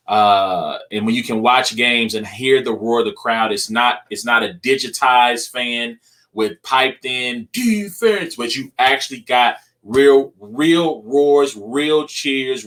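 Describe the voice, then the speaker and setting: Bright-voiced young man hosting a podcast. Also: mid-range voice. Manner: loose and rambling, many ums. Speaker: podcast host. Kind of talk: casual podcast chat.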